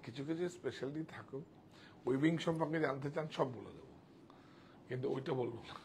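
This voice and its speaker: A man's voice: medium pitch, a little fast, a little mellow, a little hiss or hum. A man selling saris on a live stream, chatting with viewers and directing helpers off to the side. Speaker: sari seller on a live sale.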